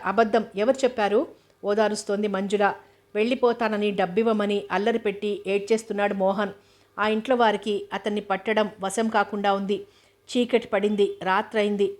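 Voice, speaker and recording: A woman narrates a serialized novel in a steady, measured reading voice. Her melody stays flat and even from line to line. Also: medium pitch. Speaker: audiobook narrator. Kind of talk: scripted narration.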